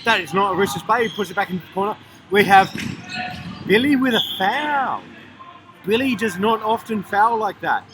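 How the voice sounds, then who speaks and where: Excitable high-voiced Australian male commentator. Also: fast. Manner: excitable, shouts at big plays, casual swearing. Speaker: sports commentator. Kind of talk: live sports commentary. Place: indoor sports hall. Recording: noisy live arena feed.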